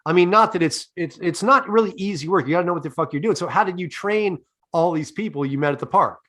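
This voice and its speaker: A man hosting a comedy podcast, building long, deadpan, profane setups for his guest's answers. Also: high voice, fast. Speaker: podcast host. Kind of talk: comedic interview.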